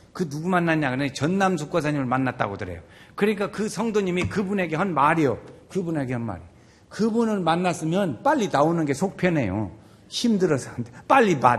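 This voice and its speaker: Animated high-voiced male pastor preaching. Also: in a large hall. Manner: animated preaching with rhetorical questions; urging the congregation directly. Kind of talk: sermon.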